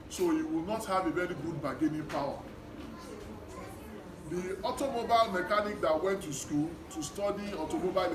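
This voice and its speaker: A middle-aged man with a Nigerian accent gives a motivational talk to schoolchildren, speaking deliberately in short, emphatic, repeated phrases. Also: high-pitched. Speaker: guest speaker, education worker. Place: echoey room at a live children's event. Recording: distant mic, echoey noisy room. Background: noise, small children.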